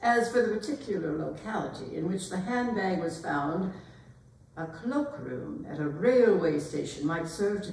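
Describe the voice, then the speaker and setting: A woman's voice: on the low side, vocal fry, mellow, slight background noise. A woman playing a haughty, imperious older aristocratic lady in a staged period comedy reading, pompous and emphatically disapproving. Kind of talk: theatrical readers' theatre performance of a period comedy. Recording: echoey hall, distant microphone.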